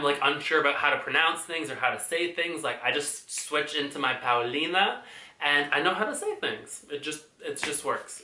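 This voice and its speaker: A man's voice: fairly high pitch, sharp tone, echoey room. A man talking casually in a vlog, chatty and playful, with exaggerated outbursts. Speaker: vlogger.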